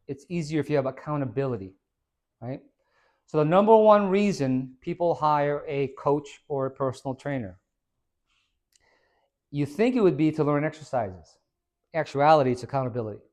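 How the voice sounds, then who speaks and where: A man who is a fitness trainer, giving an informal, energetic talk to a small audience. He quizzes the listeners and tags many points with "right?". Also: fairly high pitch. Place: hair and skin salon, indoors.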